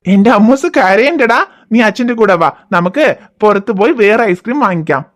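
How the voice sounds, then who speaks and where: A woman voicing a patient, gentle father in a cartoon, coaxing and reassuring his crying child. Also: medium pitch, expressive, a little fast, close to an everyday voice. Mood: soothing. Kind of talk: cartoon voice acting.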